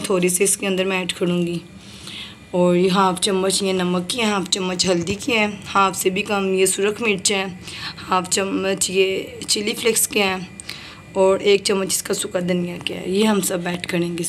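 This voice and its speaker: In her home kitchen, a woman vlogger chats casually while walking through a recipe step by step, pointing things out and repeating "ye dekhiye" at each stage. Her voice is medium-pitched and level at a normal speed, with kitchen sizzle and noise behind her.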